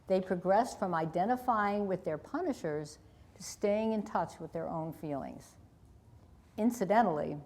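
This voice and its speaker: A woman author reading aloud from her parenting book in a measured, calm way. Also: on the low side.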